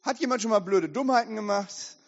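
A man preaching as a pastor, lively and direct, often asking the congregation questions, recorded in an echoey hall with dull sound. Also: high voice, a little fast, gravelly. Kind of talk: sermon.

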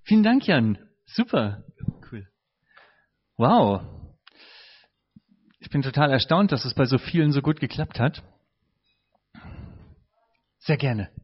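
A man's voice: medium pitch, big pitch swings, husky. A man leading a small group discussion, asking questions and praising answers often. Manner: encouraging, quick praise. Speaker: group leader. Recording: dull lo-fi sound.

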